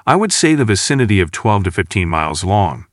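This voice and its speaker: A man reading the part of a male station chief scientist in an audiobook, explaining things in a calm, measured way. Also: lowish voice, no echo, clean studio sound.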